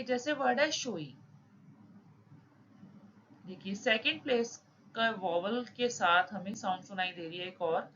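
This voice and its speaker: A woman's voice: mid-range voice, fairly bright tone. Woman teacher. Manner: reads English rules slowly, then explains in mixed Hindi-English. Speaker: shorthand teacher. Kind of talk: explaining lesson with examples. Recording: slightly dull with faint noise.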